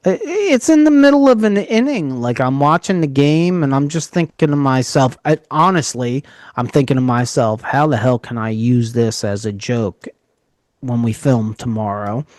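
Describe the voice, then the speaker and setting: A man with a New York area accent, co-hosting a casual podcast and telling stories in an animated, joking way. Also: medium pitch, moderate pace, dry recording. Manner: animated storyteller, jokey. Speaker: podcast co-host.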